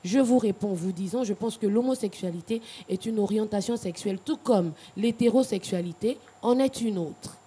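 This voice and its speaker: A woman's voice: medium pitch, moderate pace, few pauses, dark tone, slightly rough. A woman from Cameroon and Gabon, speaking frankly as a guest in a TV studio interview. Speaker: guest singer.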